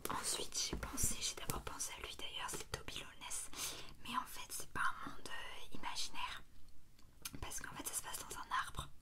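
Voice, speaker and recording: A young woman whispering softly in a hushed, breathy library whisper, chatting casually about books in an ASMR style. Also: normal speed. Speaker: book vlogger. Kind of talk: whispered ASMR book talk. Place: small room at home, indoors.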